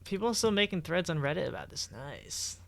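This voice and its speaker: A game streamer with a high, creaky voice talks animatedly and a little fast. Music plays behind him as he reads forum posts and reacts in casual, slangy fashion.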